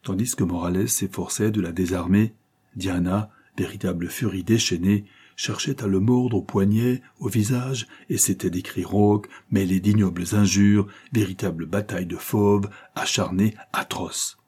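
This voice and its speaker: A man reading an audiobook in a dramatic, measured storytelling manner. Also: on the low side, steady tone, mellow, breathy edge. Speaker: audiobook reader. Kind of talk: scripted audiobook narration.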